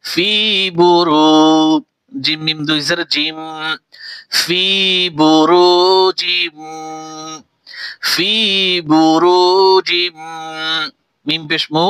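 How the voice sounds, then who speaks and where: A man teaching Quran reading, spelling out each letter and its vowel mark, then reciting the words slowly with a Bengali accent. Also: fairly high pitch, flat delivery, fairly bright tone, smooth, dry recording, low-quality recording. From Bangladesh. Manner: slow drawn-out recitation between quick spoken explanations.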